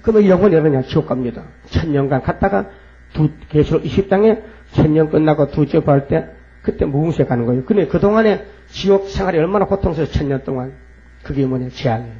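A man's voice: a little high, expressive, quick pace. A man preaching a fervent sermon. He reads scripture aloud and keeps asking and answering his own rhetorical questions. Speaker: pastor. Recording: dull lo-fi recording with mains hum.

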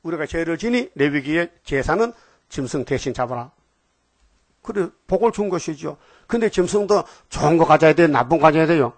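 A man preaching a sermon in an animated way, firing rhetorical questions, now and then shouting, and slowing down to read scripture verses. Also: on the high side, dry recording. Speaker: pastor.

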